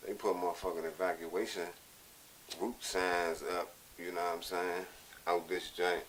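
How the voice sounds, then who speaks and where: An American man giving a blunt, profane, impassioned monologue, sounding drunk and rambling, with halting repeats and a gravelly voice. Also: low-pitched, little pitch movement, fairly bright tone. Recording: hissy, noisy amateur recording.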